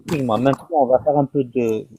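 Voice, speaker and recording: A man who is a guest in a live online debate, talking in a defensive, halting way. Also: medium pitch, steady tone, warm tone, slight background noise.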